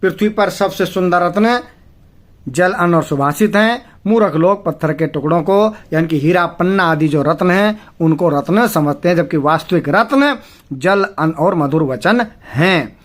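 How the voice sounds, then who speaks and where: A man teaching a class as a Sanskrit teacher, patiently explaining and slowly chanting verses before breaking them down word by word. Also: high-pitched. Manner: deliberate, with frequent pauses and fillers. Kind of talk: lesson explaining a textbook chapter.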